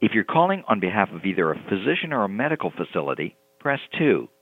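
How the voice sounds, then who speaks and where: A man's voice: on the low side, big pitch swings, quick pace, no room sound, narrow, tinny audio. A man reading scripted phone menu greetings as a recorded voice-over announcer.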